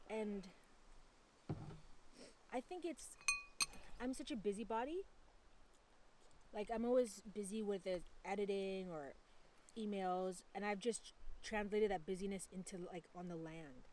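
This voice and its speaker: A woman's voice: medium pitch, darkish tone, a little hiss or hum. Chatty woman vlogger. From Canada. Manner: chatty, upbeat, quick to laugh. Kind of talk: casual chat. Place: countryside home, birds around.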